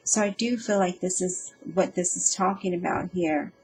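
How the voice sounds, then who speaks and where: A woman giving a casual spoken tarot reading, earnest and reassuring, speaking haltingly with frequent ums and restarts. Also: fairly low pitch, steady tone, a little mellow, a little hiss or hum, rough recording. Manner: hesitant and halting, with frequent ums and self-repeats; earnest and reassuring, addressing the listener directly. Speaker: tarot reader.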